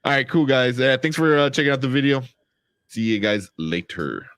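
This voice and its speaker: A man's voice: mid-range voice, very animated, moderate pace, fairly bright tone, clear, resonant tone, no echo, studio quality. A man hosting a livestream in a casual, chatty style. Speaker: livestream host. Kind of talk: casual chat.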